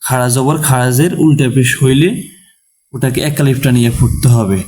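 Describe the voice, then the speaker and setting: A man teaching Quran recitation step by step. He spells out each syllable, explains the rule behind it, then chants the verse with long drawn-out vowels. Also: medium pitch, steady tone, a little mellow. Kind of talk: slow step-by-step recitation lesson.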